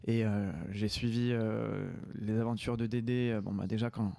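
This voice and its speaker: A man's voice: fairly low pitch, little pitch movement, moderate pace, gravelly, dark tone, no echo. Guest author, man from France, hesitant chatty delivery, dry sound. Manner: hesitant, many fillers and restarts. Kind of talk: casual chat on a livestream.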